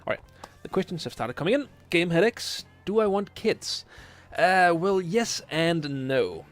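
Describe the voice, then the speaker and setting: A late-twenties Danish man streams a game late at night, faint music behind him, and chats through questions from viewers. His high voice has big pitch swings and a measured pace, and his Danish-accented English is halting, with frequent fillers as he searches for words.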